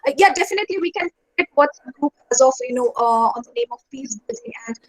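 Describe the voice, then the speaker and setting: A woman hosting a webinar over a video call, full of fillers and warm praise. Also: high voice, lively intonation, fast talker. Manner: hesitant, many fillers and restarts, effusive praise. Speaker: webinar host. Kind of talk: casual webinar moderation.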